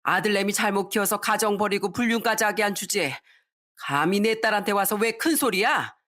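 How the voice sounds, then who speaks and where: A woman voicing a fierce older mother who scolds her daughter's in-laws with a sharp tongue in a radio story reading. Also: medium pitch, brisk, lightly acted. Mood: scolding.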